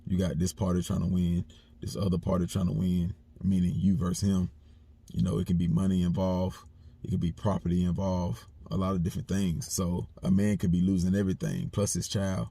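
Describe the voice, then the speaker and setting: A man's voice: low voice, little pitch movement, a little fast, gravelly, dark tone, slightly rough, no echo. A man giving a blunt, repetitive, streetwise commentary monologue. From United States. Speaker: commentary channel host.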